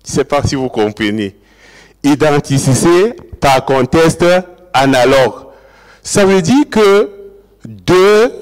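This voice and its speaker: Lecturing man in a reverberant hall. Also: medium pitch. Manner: didactic, repeats key words, asks audience questions. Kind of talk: academic lecture with audience interaction.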